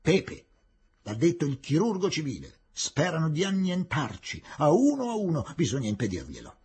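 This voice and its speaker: A man reading aloud and voicing a furious agitator who turns every word into a yell. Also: fairly high pitch, huge pitch swings, moderate pace, breathy edge, voice pushed up, exaggerated voice. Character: furious agitator shouting in a street procession.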